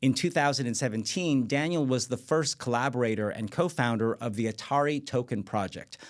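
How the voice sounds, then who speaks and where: A man in his fifties hosts an interview in a middle-pitched voice. He reads polished introductions and asks his guest probing questions. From Vietnam, raised in the United States. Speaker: host. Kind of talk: interview host.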